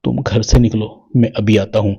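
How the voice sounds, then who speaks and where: A man's voice: lowish voice, steady tone, gravelly, dark tone, breathy edge, full character voice. A man reading the lines of a vengeful, scheming young man in his own plain voice.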